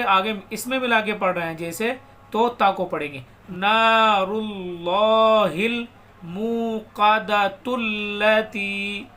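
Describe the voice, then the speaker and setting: A man teaching Quran recitation. He recites slowly and draws out words, then explains quickly and spells out letters and vowel marks. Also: sits high, fairly bright tone. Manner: slow drawn-out recitation alternating with quick explanations. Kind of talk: step-by-step recitation lesson.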